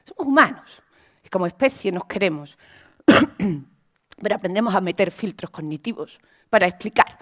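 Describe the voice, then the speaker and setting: A woman lecturing teachers, telling classroom anecdotes in an animated, emphatic way with lots of repetition. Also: medium pitch, moderate pace, pauses often.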